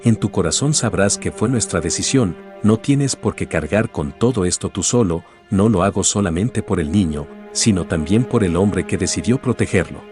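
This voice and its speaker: Guy reading as a gentle old man, low voice, soft and fatherly, resigned. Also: expressive, moderate pace, hardly any pauses, soft background music. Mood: tender resolve. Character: gentle elderly man, calm and self-sacrificing.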